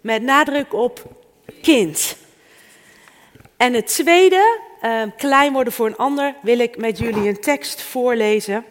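A middle-aged preacher giving a sermon to a congregation, with an earnest tone and gently repeated phrases, reading scripture and leading a prayer. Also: mid-range voice, a little slow. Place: church service before a congregation. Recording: reverberant church hall, faint music.

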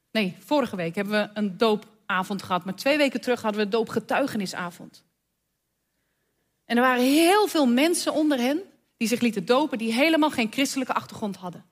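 A woman preaching a sermon, retelling a story with dramatic pauses and emphatic calls. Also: sits high.

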